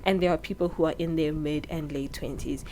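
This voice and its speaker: A vlogger in her early twenties with a South African accent sits indoors giving candid, earnest advice into her own microphone, which pops. Her low voice is steady, brisk, and a little mellow, though the audio is poor with slight background noise.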